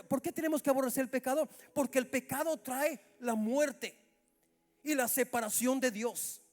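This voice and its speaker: A middle-aged pastor preaches in a very high voice. He calls out to the brothers as he goes. His words ring through a church hall with a long echo. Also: a bit bright. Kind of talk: sermon at a Bible study.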